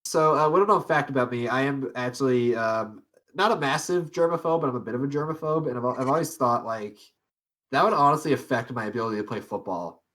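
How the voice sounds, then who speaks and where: Talking fast at a medium pitch with a touch of brightness, this young podcast co-host keeps the conversation loose and casual. He wanders off track, restarts sentences, leans on fillers, and breaks into frequent laughter.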